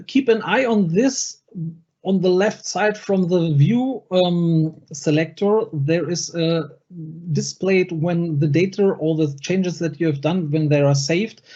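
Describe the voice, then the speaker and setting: A presenter at an online user group event giving a live software demonstration, talking through each click step by step over a video call microphone. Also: medium pitch, breathy edge, highs cut off.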